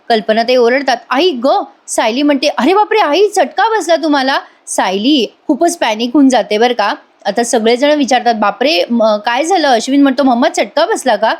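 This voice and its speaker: A woman chattily retelling a TV serial episode and speaking straight to her viewers, taking on the characters' lines as she goes. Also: high voice. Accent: Marathi. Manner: chatty, addresses the viewers directly. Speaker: serial recap narrator. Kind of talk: retelling a TV episode with voiced quotes.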